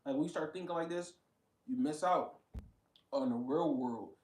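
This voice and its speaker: A man rants in blunt, profane bursts as he reacts to a clip. His voice sits somewhat high. The room around him rings with echo. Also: moderate pace, far from the mic. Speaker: reaction commentator. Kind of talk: casual commentary.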